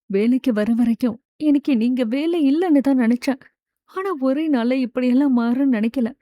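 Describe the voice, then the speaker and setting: A woman's voice: on the high side, normal speed, warm tone, no echo, natural voice. A woman voicing an emotional young woman who pleads and apologises in an audiobook. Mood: tearful. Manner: pleading, tearful. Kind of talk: audiobook character voice.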